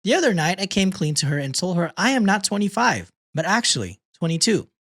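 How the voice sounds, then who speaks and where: A laid-back man reads posts aloud on a casual podcast, his pitch rising and falling a lot as he goes. He talks in loose slang and often laughs between lines. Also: very animated, brisk, fairly bright tone. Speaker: podcast host reading stories.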